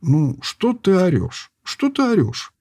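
A man voicing a short, plump, lazy man who grumbles and sulks, cheeky and whiny, in a husky voice. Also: medium pitch, sing-song, normal speed, darkish tone. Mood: lazily grumbling.

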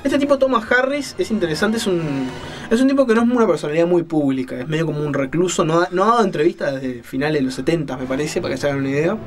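This man's voice sits a little high, and he talks fast while hosting a radio show. He chats about books and films in an explanatory way, frequently tossing in small question tags to check in.

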